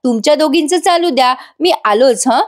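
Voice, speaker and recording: A cheerful, teasing young husband from a family serial, read out by a woman. The voice stays fairly high and keeps its easy, bantering lilt, told like a storybook retelling. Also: animated, moderate pace.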